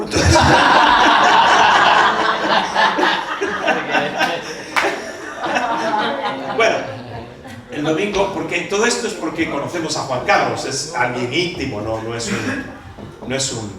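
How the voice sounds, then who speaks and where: An older man preaching a sermon as a pastor, telling a story with lively voices for the people he quotes. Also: fairly high pitch. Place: church hall. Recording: echoey church from far off.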